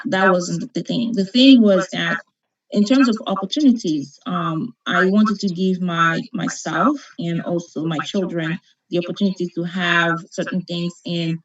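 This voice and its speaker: A woman's voice: fairly low pitch, steady tone, unhurried, fairly bright tone. A woman from Cameroon, not a native English speaker, giving an encouraging talk on a video call, often repeating herself and checking in with "okay?". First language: not English; French second language. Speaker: conference speaker. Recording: dull lo-fi video call audio.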